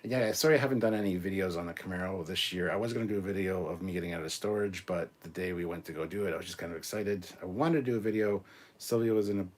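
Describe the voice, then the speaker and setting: A man in his forties hosts a live stream, speaking fast in a low-pitched voice. He chats casually and answers viewer comments in a relaxed, rambling way, full of ums and restarts.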